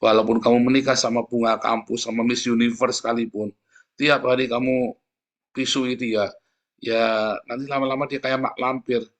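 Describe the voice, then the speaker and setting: A man's voice: mid-range voice, little pitch movement, normal speed. A man preaching a sermon, joking with the congregation and often calling out to them directly. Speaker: pastor.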